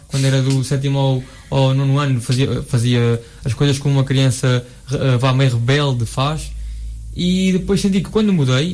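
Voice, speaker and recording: A man's voice: medium pitch, darkish tone. A young man with a European Portuguese accent hosting a student talk show in an informal, repetitive conversational way. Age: young adult. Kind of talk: casual conversation.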